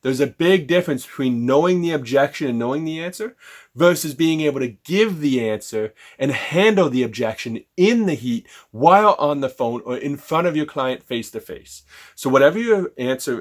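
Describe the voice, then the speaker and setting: A man giving a sales lesson, firing off rhetorical questions and acting out phone calls. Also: medium pitch. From Canada. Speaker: sales trainer. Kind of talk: direct-to-camera sales lesson.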